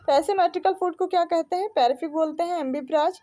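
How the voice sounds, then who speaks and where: A young Indian woman with a very high yet mellow voice teaches an exam-prep English lesson. She reads each question slowly, then keeps asking and answering her own questions. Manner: reads questions slowly, then explains in Hindi with repeated quiz-like questions.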